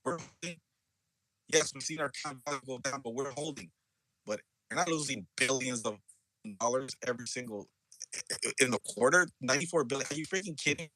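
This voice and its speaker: A man's voice: mid-range voice, a little fast, sharp tone, no room sound. A man ranting and swearing on a phone call that keeps dropping out from bad reception. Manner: fired up, swearing. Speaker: caller in a stock discussion. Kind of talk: impassioned call-in rant. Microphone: phone or Bluetooth call.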